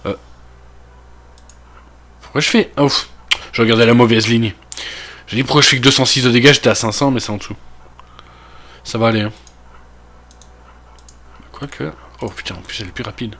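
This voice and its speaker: Man, Belgian French accent, getting over a cold, casual gameplay commentary, mid-pitched voice, lots of fillers and asides. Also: steady tone, moderate pace, long pauses, a bit bright. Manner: thinking aloud, many fillers and trailing asides. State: recovering from a cold. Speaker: gaming video creator.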